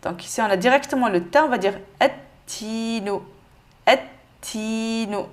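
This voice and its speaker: Femme patiente qui enseigne la lecture. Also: female voice, on the high side, animated. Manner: patient, repeats each word slowly. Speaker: Arabic reading teacher. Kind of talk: step-by-step lesson.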